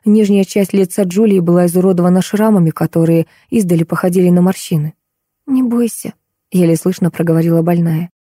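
Woman narrating an audiobook, mellow tone. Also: on the low side, little pitch movement, fast, dry recording, clean studio sound.

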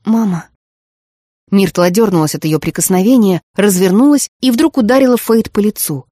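A woman narrating a novel for an audiobook in a measured storytelling manner. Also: medium pitch, mellow, no echo, clean studio sound. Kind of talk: scripted narration.

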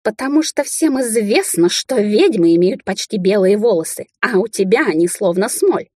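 A woman voicing a hysterical, spiteful young she-wolf in an audiobook, with a shrill, squealing voice. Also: animated, moderate pace, dark tone, husky, no echo, clean studio sound. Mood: shrieking. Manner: hysterical shrieking.

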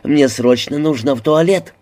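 A man voicing a panicked bearded passenger stuck in a crowded airplane toilet, pleading in a high, strained voice. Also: normal speed, dark tone, close to an everyday voice.

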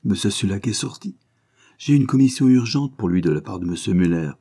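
A man voicing a cunning male detective who pretends to be naive and then presses with quiet urgency. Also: fairly low pitch, expressive, brisk. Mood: feigned naive.

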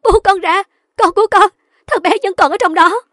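A woman voicing a desperate young mother with shrill, sobbing pleas. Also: lively intonation, fairly quick, a little mellow, dry recording, clean studio sound. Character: desperate young mother crying for her child.

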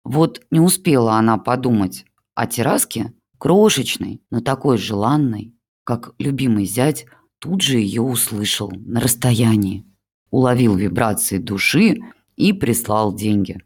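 A storyteller reads a comic first-person family tale in a wry, ironic voice, middle in pitch and plainly paced. The delivery stays dry while the jokes land through understatement. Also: expressive, unhurried, a little mellow, breathy edge. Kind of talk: audiobook narration of a humorous story.

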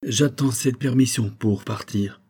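A man's voice: medium pitch, a little fast, warm tone, breathy edge, pitched above the performer's own voice, close to an everyday voice. A man voicing a stiff, proud army colonel in an audiobook, clipped and restrained.

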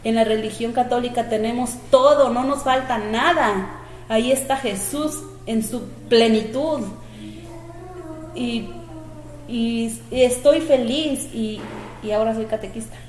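Woman, emotional testimony storyteller, somewhat high voice, echoey room. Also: a little slow. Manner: emotional, animated storytelling with quoted dialogue. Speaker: caller giving a testimony. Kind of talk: personal faith testimony. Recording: echoey room with faint ambient noise.

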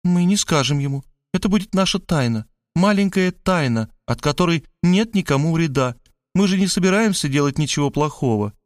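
A man's voice: animated, a little fast, no echo, clean studio sound, lightly acted. A man voicing a gushing, theatrical woman. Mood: doting, dramatic. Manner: gushing, pathetic exclamations, high-pitched. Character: pleading, theatrical middle-aged woman, doting and dramatic. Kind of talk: audiobook character voice.

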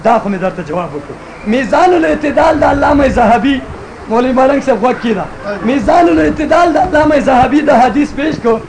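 A man's voice: very high voice, lively intonation, creaky, a little mellow, slight background noise, rough recording. A man arguing combatively in a public religious debate, challenging his opponent and citing sources.

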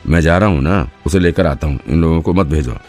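A man voicing an anxious male officer in an audiobook, pleading to calm a quarrel. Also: a bass voice, a little fast, soft background music. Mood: urgent. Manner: pleading, calming.

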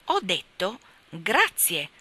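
Una donna che fa una tata severa e pungente. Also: female voice, lowish voice, huge pitch swings, bright, forceful tone, breathy edge, heavily acted. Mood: pointed. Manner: brisk, reproving. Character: stern, sharp-tongued female nanny.

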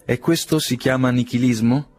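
A man reading an audiobook, playing an irritable older aristocratic gentleman who sneers coldly and then bursts into indignation. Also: medium pitch, steady tone, moderate pace, lightly acted. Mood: scornful. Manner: cold and ironic, flaring into indignant outbursts.

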